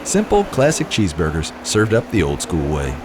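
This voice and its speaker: Lively low male voice-over narrator. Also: moderate pace, noisy background. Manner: polished, descriptive, travel-show tone. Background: background music.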